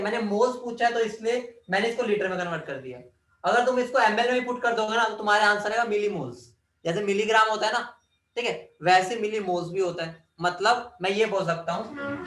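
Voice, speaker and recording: Echoey, high-voiced chemistry teacher. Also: male voice, a little fast, fairly bright tone. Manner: drills formulas, quizzes students, jokes. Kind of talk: classroom lecture. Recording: echoey room, mic at a distance.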